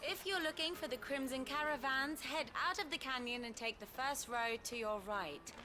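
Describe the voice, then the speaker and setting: An actress voicing a female market vendor in a video game, with a sing-song sales pitch. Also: normal speed, noisy background, close to an everyday voice. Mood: wry. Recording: game audio with loud music.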